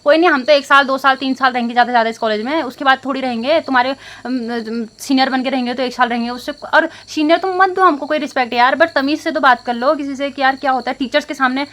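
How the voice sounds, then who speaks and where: A woman's voice: sits high, fairly even intonation, fast, hardly any pauses, a bit bright. A young woman vlogger talking to her phone camera in a casual, upset way, rambling with many fillers and restarts. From India. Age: young adult. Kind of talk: casual emotional vlog talk to camera.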